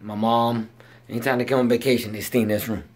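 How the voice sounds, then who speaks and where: Talking fast in a flat, mid-range voice, a young man shows a handheld phone camera around a house, moving from room to room. It's a relaxed, profane walking tour peppered with slang.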